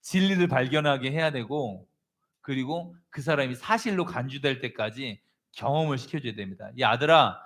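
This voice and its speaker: A male pastor preaching a sermon, telling a story with animated delivery and calling on congregation members by name. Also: medium pitch, moderate pace.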